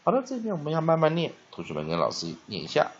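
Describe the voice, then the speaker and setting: A man teaching English pronunciation, breaking words into syllables slowly and reading text aloud in a steady, deliberate way. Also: on the high side, slightly rough, dull audio. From Taiwan. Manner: drills words slowly syllable by syllable, then reads aloud loudly. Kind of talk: spelling and pronunciation lesson.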